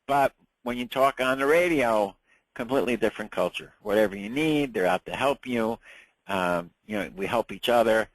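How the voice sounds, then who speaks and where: At a moderate pace and medium pitch, a man in his sixties with a New York accent teaches ham radio licensing in a casual lecture. The Long Island native is chatty and anecdotal and repeats words when restarting; there's no room sound, but the recording is low quality.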